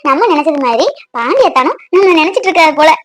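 A woman voicing a tender, orphaned young village woman in a cartoon, speaking softly and shyly on the phone. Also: high voice, sing-song, fast talker. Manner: soft, shy, emotional. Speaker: bride-to-be on the phone.

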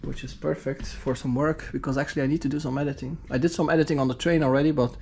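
The speaker is a travel vlogger in his 30s with a mid-range, somewhat mellow voice, fairly even intonation and a quick pace. He chats and thinks out loud while walking from a city street into a hotel lobby, riding the lift, and heading down a corridor to his room. His arm's-length action camera captures rough, noisy sound with surrounding street and room ambience.

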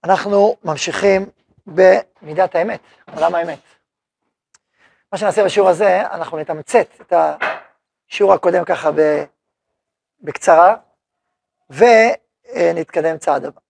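A man's voice: sits high, creaky, long pauses, darkish tone, slight background noise. A man teaching a Torah lesson as a rabbi, speaking conversationally and putting questions to his listeners. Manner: conversational, asks the audience questions.

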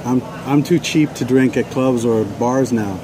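A man's voice: mid-range voice, measured pace. Laid-back slangy man outdoors. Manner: laid-back, slangy, says dude a lot. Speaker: podcast co-host. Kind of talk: casual chat. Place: outdoor racetrack terrace. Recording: outdoor noise in background.

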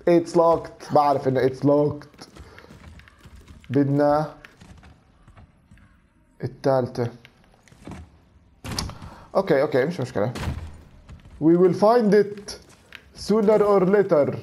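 A man in his thirties with a Levantine Arabic accent, giving animated, exclaiming let's play commentary and talking to himself. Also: a little high, slow pace, long pauses, slight background noise. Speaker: video game streamer. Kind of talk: excited let's play commentary, switching between Arabic and English.

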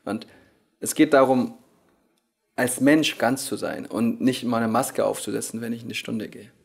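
A Korean-born yoga teacher in his thirties answers interview questions with many pauses and fillers, his mid-range voice creaky and husky. He's indoors in a hotel lounge at a conference, recorded on a handheld recorder held by the interviewer.

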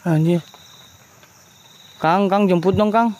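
Jumpy man with a high voice. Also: slow pace, darkish tone. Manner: nervous, jumpy, keeps calling for his crewmate. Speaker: horror vlogger exploring a forest at night. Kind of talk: live ghost-hunting vlog. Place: forest outdoors at night. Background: crickets and insects.

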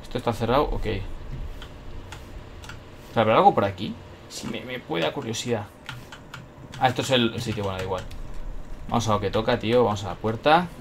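A young man from Spain with a Spanish accent, commenting on his own gameplay and talking to himself, excitable and swearing often. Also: on the low side, fairly quick, long pauses, slight background noise. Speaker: gaming YouTuber.

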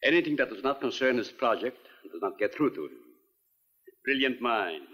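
A man's voice: medium pitch, lively intonation, moderate pace, husky, highs cut off. An actor playing a middle-aged male scientist who talks politely and lectures earnestly, in 1950s film style. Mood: courteous. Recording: long hall reverb, 1950s film soundtrack.

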